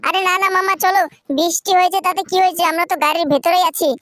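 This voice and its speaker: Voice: very high voice, fairly even intonation, racing, bright, forceful tone, dry recording. A performer voicing the cheeky little boy Shinchan in a playful, pleading way during a game video.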